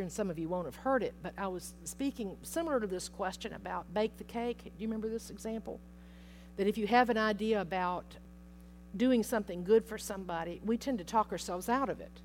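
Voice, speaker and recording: A woman's voice: mid-range voice, fairly quick, darkish tone, slight background noise. A middle-aged woman teaching a Bible study in an informal, chatty way, acting out quotes and laughing often.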